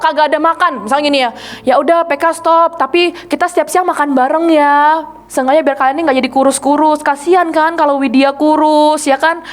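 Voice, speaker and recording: High-pitched lady preaching, acts out people she quotes, faint music in the back. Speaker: evangelist preacher. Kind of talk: sermon with testimonies.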